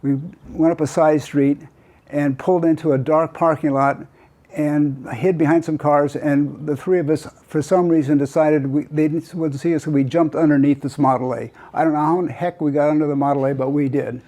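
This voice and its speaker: Rambling older American grandpa telling stories. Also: male voice, fairly high pitch, steady tone, normal speed, mellow. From Southern California. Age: older, 80s. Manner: rambling grandpa story, hesitant with detailed asides. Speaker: grandfather telling his life story. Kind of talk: casual personal storytelling.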